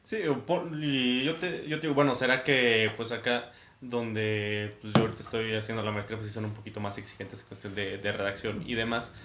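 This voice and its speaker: A man's voice: on the low side, a little fast. Man in an echoey room. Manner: animated storyteller who acts out teachers' voices. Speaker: podcast co-host. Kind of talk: casual conversation. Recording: echoey room with faint noise.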